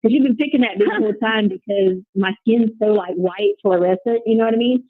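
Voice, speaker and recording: A woman's voice: mid-range voice, a little fast, crowd noise. A woman from Carolina calling from jail and chatting casually over a prison phone line, telling stories full of quoted back-and-forth.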